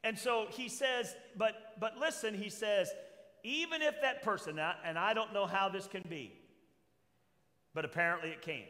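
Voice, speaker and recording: An older man preaches from a pulpit in a church hall, his voice sitting fairly high for a man. A long reverb trails after his words as he reads scripture and puts questions to his congregation. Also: moderate pace, sharp tone. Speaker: pastor. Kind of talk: sermon.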